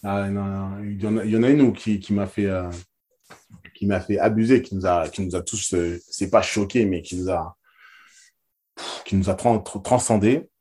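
A former basketball player and interview guest, telling anecdotes in a loose, slangy, emphatic way with many repeated words. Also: male voice, lowish voice, fairly even intonation, normal speed, mellow, husky. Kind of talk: casual storytelling.

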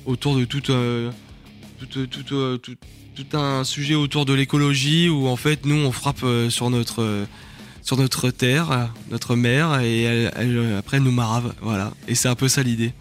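A man's voice: mid-range voice, fairly even intonation, moderate pace. Hesitant, slangy Frenchman over faint music. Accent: French from France. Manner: hesitant, slangy, searching for words. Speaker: band singer and lyricist, interview guest. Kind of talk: casual radio interview chat.

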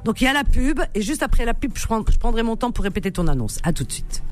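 High-voiced, affectionate woman radio host. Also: sing-song, fast, faint music behind. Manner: affectionate, reassuring, repetitive. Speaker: radio host of classified ads phone-in. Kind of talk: conversational live radio presenting.

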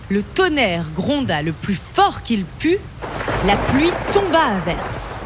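A woman narrating a children's story in an expressive, melodic reading. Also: fairly high pitch, noisy background. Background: background music.

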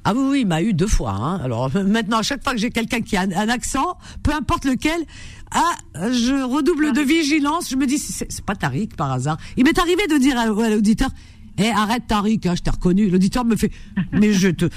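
A woman hosting a radio call-in show, animated and teasing, laughing often with callers. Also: on the high side, brisk, dry recording. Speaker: radio host. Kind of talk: lively radio call-in chat.

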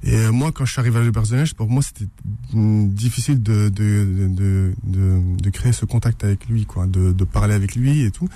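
A low, mellow male voice from France, talking as an interview guest. He speaks haltingly, pausing on fillers and restarting his sentences. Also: fairly even intonation, dry recording. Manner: hesitant, many fillers and restarts. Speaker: author guest. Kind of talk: radio interview.

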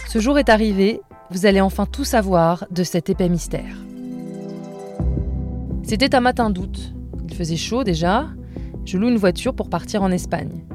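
A woman podcast host telling a personal story in casual narration, with a wry, self-mocking humor. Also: fairly low pitch.

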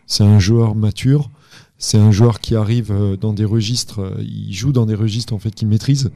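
A man with a low, warm voice answers questions as an assistant basketball coach on a podcast. He speaks carefully and deliberately. The sound is close and dry. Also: steady tone, no echo.

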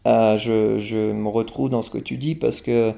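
Speaking a little slowly, the young French singer-songwriter talks casually as an interview guest. His voice is low, warm and fry-tinged, and he keeps stopping, restarting and filling gaps, all in a relaxed, mellow tone.

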